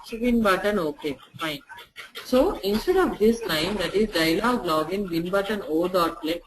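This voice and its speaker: Instructor repeating steps slowly, faint hiss. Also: medium pitch, expressive. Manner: repeats phrases slowly for clarity. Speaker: software testing instructor. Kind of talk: screen-share software tutorial.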